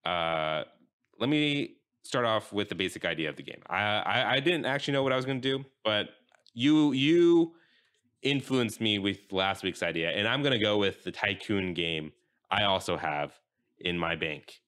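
A young man hosts a casual podcast from a desk microphone, rambling and halting with plenty of fillers. His voice is low and bright with a clear, smooth tone, and he takes his time. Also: expressive. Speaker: podcast host.

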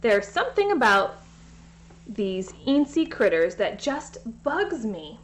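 A woman's voice: a little high, very animated, slow. Lady doing a mean sneering bug guy from a storybook, grumpy bully. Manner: sneering, mocking. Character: grumpy bullying male cockroach.

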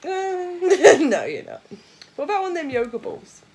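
A woman's voice: very high-pitched, wildly swooping pitch, normal speed, darkish tone. A young woman, joking and teasing her friend in a casual chat, often breaking into giggles. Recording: faint background noise.

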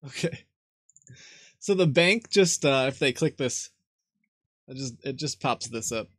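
A young man chats casually to his livestream, muttering half to himself in a low-key way. His voice is close and dry on the mic. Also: lively intonation, a little slow, a bit bright, dry recording. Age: young adult. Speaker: live streamer. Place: small room at home.

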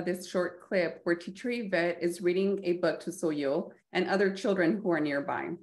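A woman presenting an instructional webinar for teachers, explaining in a measured way with occasional filler ums. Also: fairly low pitch, darkish tone.

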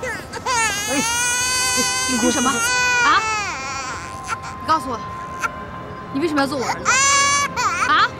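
Casting: a crying, shrill young mother, very high voice, lively pitch, in a drama. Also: racing, over loud music. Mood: distraught. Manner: shrill, shouting. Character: bitter young mother cursing her luck.

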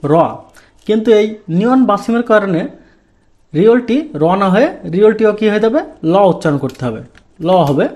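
Teacher, male, high voice; walks through sounds one by one, quizzing and answering himself. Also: darkish tone. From Bangladesh. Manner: asks the class questions and answers them himself; drawn-out, deliberate stress on key sounds. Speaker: Korean language teacher. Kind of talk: step-by-step pronunciation lesson.

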